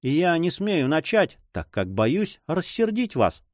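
A man voicing an old female duenna who sighs, grumbles and fusses in a high voice. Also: big pitch swings, unhurried, darkish tone, no room sound, studio quality. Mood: grumbling. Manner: sighing, fussy, grumbling.

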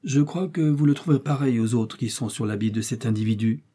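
A man's voice: mid-range voice, a little fast, dark tone, husky, natural voice. A man voicing a constable giving evidence in a matter-of-fact way. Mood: testifying.

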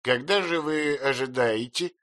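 A man's voice: mid-range voice, a little slow, fairly bright tone, no echo, clean studio sound, pitched above the performer's own voice, close to an everyday voice. A man voicing a stern, commanding elderly aunt who speaks sharply and impatiently. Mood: imperious.

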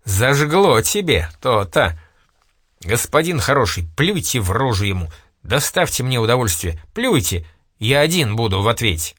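A man's voice: mid-range voice, expressive, measured pace, few pauses, fairly bright tone, no echo, studio quality. A man reading aloud, voicing a desperate old peasant who begs, wails and then gloats. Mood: gloating. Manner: wailing, begging, then gloating.

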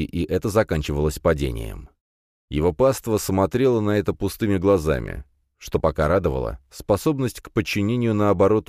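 A man reading a fantasy novel aloud in an even, measured narration. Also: low voice, no echo, studio quality. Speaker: audiobook narrator. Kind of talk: scripted fiction narration.

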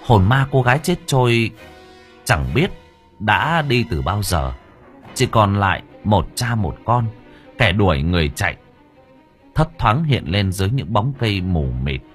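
A man narrating a horror story aloud with expressive, shifting delivery. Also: fairly low pitch. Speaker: audiobook narrator.

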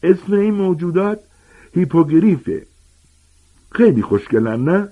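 A man voicing a huge, gentle, clumsy half-giant teacher, with loud, hearty, colloquial speech in a husky voice. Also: lowish voice, wildly swooping pitch, phone-quality sound, exaggerated voice. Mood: delighted.

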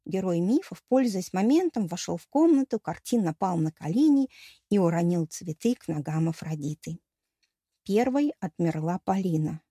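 A woman narrating a first-person audiobook in a wry, even storytelling manner. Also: on the low side, normal speed, slightly rough, no room sound, studio quality.

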